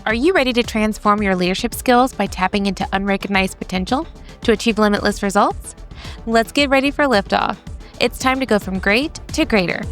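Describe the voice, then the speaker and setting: A woman's voice: medium pitch, brisk, faint music behind. A woman reading a polished, scripted podcast introduction. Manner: polished, promotional. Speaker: show intro announcer.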